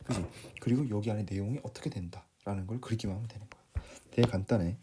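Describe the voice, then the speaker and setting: Mellow-voiced man giving a casual lesson. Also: fairly low pitch, fast, slight background noise. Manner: talks to students in plain speech, often rephrasing and checking in. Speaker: English reading teacher. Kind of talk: casual lecture.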